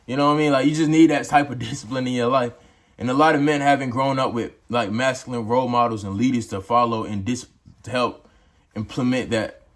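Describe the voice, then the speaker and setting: Young adult male vlogger, casual preachy tone, mid-pitched voice, talks to camera as if to a friend. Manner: casual, preachy, addresses viewers as bro and dog. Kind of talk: motivational talk to camera.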